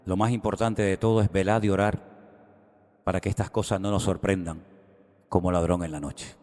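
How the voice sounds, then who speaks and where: A man's voice: sits low, fairly even intonation, normal speed, darkish tone. A man, preaching a sermon in a conversational, rambling way with restarts and asides. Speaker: pastor. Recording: hall with long reverb.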